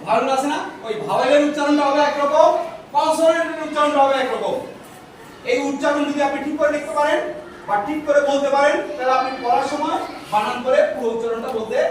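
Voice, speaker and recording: High-pitched guy teaching, repeats questions a lot, far off mic in an echoey room. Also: slight background noise. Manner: repeats questions, drills class. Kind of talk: classroom teaching, call and response. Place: large echoey classroom.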